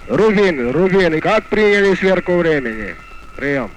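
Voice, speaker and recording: Man, over a two-way radio, ground operator, formal time check, slightly high voice, archival link. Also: very animated, unhurried, very noisy. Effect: heard over a two-way radio. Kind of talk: radio call procedure.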